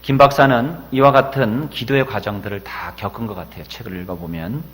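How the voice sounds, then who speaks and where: Korean pastor guy preaching, storytelling, gets loud for emphasis, long church echo. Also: fairly low pitch, a little fast. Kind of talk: sermon. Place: church sanctuary. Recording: echoey church hall.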